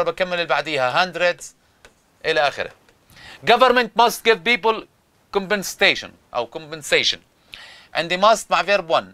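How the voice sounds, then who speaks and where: A young man teaching English grammar in Jordanian Arabic, with a high, bright, forceful voice. He poses a question to his students, answers it himself, and goes over each rule again step by step. The sound is dry and close, with no room echo. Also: clean tone. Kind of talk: grammar lesson explanation.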